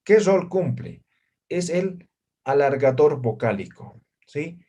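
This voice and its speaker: A man's voice: on the high side, animated, slow pace, mellow, dull audio. A man teaching an introductory language class, who keeps checking in with his students through short tag questions. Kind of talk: classroom lecture.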